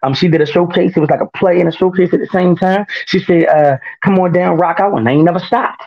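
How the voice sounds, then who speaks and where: A man with a high voice, a rapper guesting in a laid-back interview, tells his story at a quick pace while the recording's highs are cut off. Energetic and self-deprecating, he frequently laughs at his own expense.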